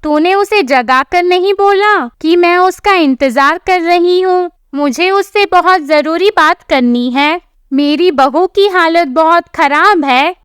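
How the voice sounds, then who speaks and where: A woman's voice: very high-pitched, slow, fairly bright tone, no echo, studio quality, heavily acted. A woman voicing an anxious, pushy older neighbor who speaks urgently and bossily in a storybook telling. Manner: urgent, bossy.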